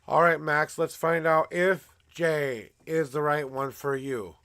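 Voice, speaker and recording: A man with a gravelly smoker's rasp, hosting a livestream as a tarot reader in casual, emphatic, effusive patter to viewers. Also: a little high, fairly even intonation, slow, a bit bright. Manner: effusive, emphatic showman, repeating welcomes and promises.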